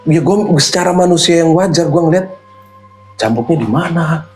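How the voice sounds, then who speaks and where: A man's voice: fairly high pitch, normal speed, soft background music. A man, animatedly telling a true horror story in casual slang. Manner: animated, slangy, acts out voices. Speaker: guest storyteller.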